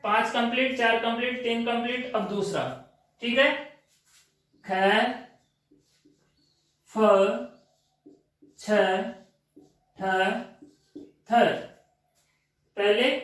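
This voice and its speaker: Male grammar teacher, high pitch, slow and repetitive, recorded distant in a very echoey room. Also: fairly bright tone. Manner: slow, repetitive drilling with questions and answers. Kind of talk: classroom grammar lesson.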